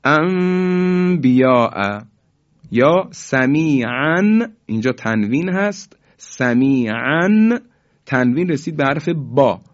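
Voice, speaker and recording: A man teaching Quran recitation rules to listeners, explaining patiently and slowly drawing out the example words as he recites them. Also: mid-range voice, lively intonation, dull audio. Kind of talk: tajweed lesson for listeners.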